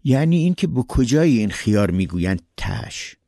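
A man voicing a sleepless, puzzled older male teacher, speaking quietly and earnestly. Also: mid-range voice, big pitch swings, vocal fry, no room sound, studio quality. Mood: hushed earnest.

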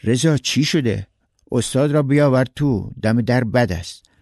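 Give me a man reading as a curious, drowsy housewife, gravelly-voiced. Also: low voice, darkish tone, dry recording, studio quality, exaggerated voice. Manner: curious, calling out. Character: curious, drowsy wife of the neighbor.

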